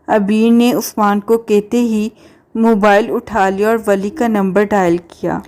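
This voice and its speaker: A woman narrating a romance novel in a steady, even storytelling manner. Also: mid-range voice.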